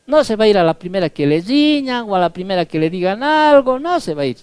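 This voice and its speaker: A man's voice: high voice, sing-song, fast, darkish tone, clean tone, dry recording. A male pastor preaching a sermon emphatically, often tagging his points with rhetorical questions. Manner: emphatic, peppers lines with rhetorical "¿sí?"; acts out quoted voices.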